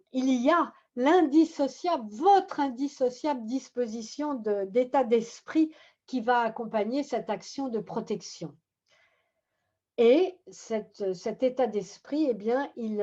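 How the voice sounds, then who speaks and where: A woman leading a group meditation on a video call, talking gently and unhurriedly, often restarting her phrases. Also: mid-range voice. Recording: muffled video-call audio.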